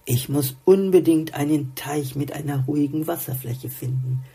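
A woman's voice: sits low, normal speed, mellow, husky, soft background music, heavily acted. A woman voicing a grumpy, puzzled little male songbird in a storybook, grumbling and doubting. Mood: grumbling, doubtful.

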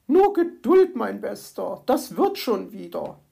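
Storybook magpie nurse, female, fussy and smug, high slow voice, read by a woman. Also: very animated, vocal fry, a little mellow, exaggerated voice. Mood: fussing. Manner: brisk, fussing, self-satisfied.

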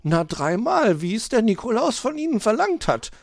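A man's voice: big pitch swings, moderate pace, vocal fry, no room sound, studio quality, full character voice. A man putting on a pert female magpie. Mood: tart. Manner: high, bright and pert. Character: chatty female magpie postwoman, prim and sharp-tongued.

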